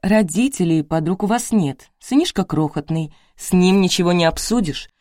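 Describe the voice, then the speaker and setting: A woman reading an audiobook, voicing a calm, practical older woman who speaks slowly and firmly. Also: fairly low pitch, dry recording, clean studio sound, lightly acted. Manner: slow, measured, reassuring.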